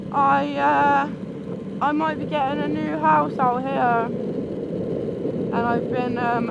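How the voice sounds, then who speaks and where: Rambling British woman on a muffled helmet mic. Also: high-pitched. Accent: British English. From United Kingdom. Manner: rambling, digressive, casual swearing. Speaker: motorcycle vlogger. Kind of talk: casual chat while riding. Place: riding a motorcycle on open roads. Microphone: neck-worn mic poking up into a helmet. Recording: muffled helmet mic with loud wind and engine noise.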